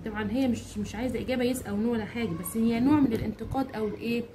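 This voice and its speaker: Egyptian woman teaching English grammar slowly. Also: a little high, background noise. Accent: Egyptian Arabic. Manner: slow drawn-out English examples, repeats phrases, asks rhetorical questions. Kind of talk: grammar lesson explaining in Arabic with English examples.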